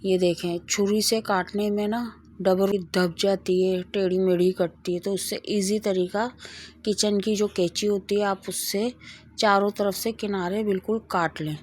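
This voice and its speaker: A woman's voice: mid-range voice, steady tone, measured pace. A middle-aged woman hosting a home cooking video, chatting as she demonstrates a recipe and tells a moral story along the way. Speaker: cooking channel host.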